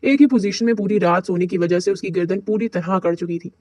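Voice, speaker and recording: A man with a high-pitched voice narrates an audio novel in a steady storytelling way. The recording is dry and close to the mic, with no room sound. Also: brisk, dry recording.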